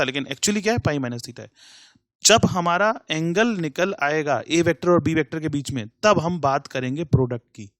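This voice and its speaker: Male teacher, slightly high voice, patient question-and-answer explaining, dry recording. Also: fairly bright tone, no echo. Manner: explains step by step, asks himself questions and answers them. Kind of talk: classroom lecture.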